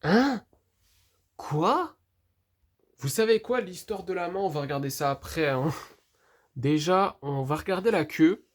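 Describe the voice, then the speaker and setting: A vlogger unboxing a toy figure in a casual, hesitant way, thinking aloud, talking straight to viewers and filling pauses with hesitations. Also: medium pitch. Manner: hesitant, puzzled, fills pauses with "euh" and "du coup".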